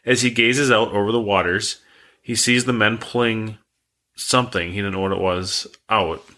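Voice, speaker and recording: Male podcast co-host, low and bright-toned, relaxed rambling storyteller. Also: moderate pace. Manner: relaxed, rambling, reads facts aloud.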